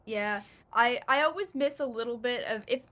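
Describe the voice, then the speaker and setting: Brief: female co-streamer, high and lively voice, rambling and playful, distant home mic. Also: normal speed. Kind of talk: casual live-stream chat while gaming. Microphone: sitting far from the mic.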